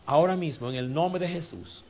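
A pastor leading his congregation in a sermon and guided prayer. He repeats scripture lines, swells to fervent peaks and sinks to soft, coaxing tones. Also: fairly high pitch, brisk, dull audio. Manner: repeats phrases and drills scripture.

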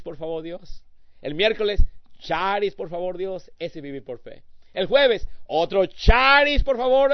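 A man delivers a sermon with a lively, swinging pitch, dropping to hushed asides before building to loud appeals to the congregation. His voice sits a little high for a man. The recording is dry and dull, with a lo-fi edge. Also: dry recording. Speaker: pastor. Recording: dull lo-fi sound.

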